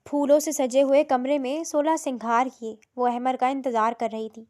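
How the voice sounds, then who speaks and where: Woman narrator, high voice, steady novel reading. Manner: steady storytelling read. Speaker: story narrator.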